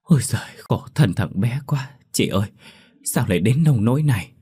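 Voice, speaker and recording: A man's voice: medium pitch, expressive, moderate pace, dark tone, slightly rough, pitched above the performer's own voice. A man voicing a kind village woman in whispered role-play, speaking in a sniffling whisper. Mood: tearful.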